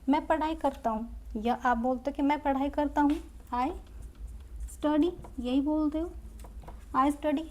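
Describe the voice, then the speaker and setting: Woman, grammar teacher, high voice, mellow tone, step-by-step explaining, repeats examples. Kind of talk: Hindi-medium grammar lesson.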